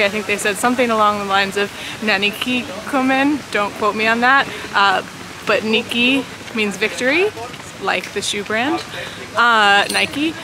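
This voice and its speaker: Holding her camera at arm's length, a thirty-something American travel vlogger gives a chatty, self-deprecating recap of a walking tour. Her voice sits in the mid range, and city noise from the surrounding park and plaza carries behind her casual narration.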